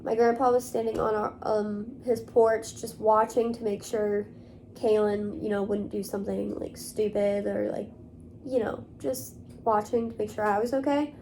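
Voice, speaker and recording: A woman's voice: mid-range voice, level tone, moderate pace, warm tone, slight background noise. A young woman vlogging to camera in casual talk, rambling along with many fillers. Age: young adult.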